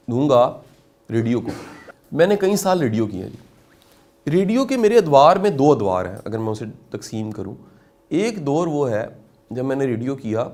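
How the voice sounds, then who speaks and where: A middle-aged man from Pakistan, giving an animated motivational lecture and asking his audience questions. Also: mid-range voice.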